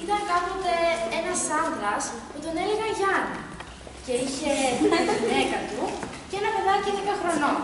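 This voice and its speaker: A woman storyteller reads a folk tale aloud with expressive delivery. Her high voice comes from far off in a very echoey hall over background noise.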